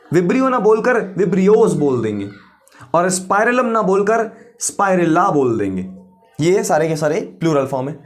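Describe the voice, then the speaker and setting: A man teaching biology. He asks the class questions, answers them himself and repeats the key terms slowly. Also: high voice. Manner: mixes English science terms into Hindi. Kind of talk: classroom lecture.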